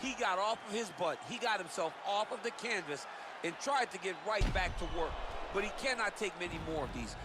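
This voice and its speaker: A man's voice: high voice, animated, a little fast, noisy background. A man voicing an emphatic, opinionated color commentator analyzing a fight. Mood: emphatic, excited. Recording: roaring arena crowd behind.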